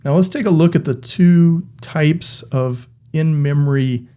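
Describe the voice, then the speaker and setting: A man recording an online tech course lesson, explaining clearly and evenly with a touch of dry humor. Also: a little high, unhurried, warm tone. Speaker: course instructor.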